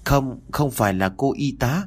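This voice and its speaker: A man's voice: mid-range voice, normal speed, voice pushed up, close to an everyday voice. A man voicing a frightened, sick little boy of about four who speaks in a small, timid voice, in an audio story.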